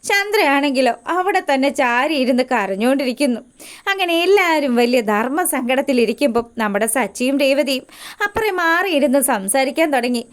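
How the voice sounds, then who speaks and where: A woman's voice: sits high, animated, normal speed. A woman casually retelling a TV serial episode in a chatty, folksy way. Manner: chatty, folksy narration addressing listeners as 'our'. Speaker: storyteller recapping a TV serial.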